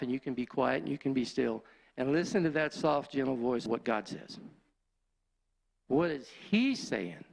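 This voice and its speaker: A man's voice: on the high side, creaky. An older man, a church deacon, telling his personal testimony in plainspoken, emotional country storytelling.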